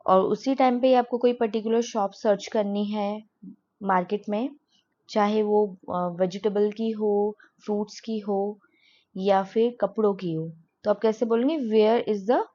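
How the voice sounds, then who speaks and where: A woman teaching spoken English, who explains patiently and says each example sentence slowly. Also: medium pitch, mellow, lo-fi sound.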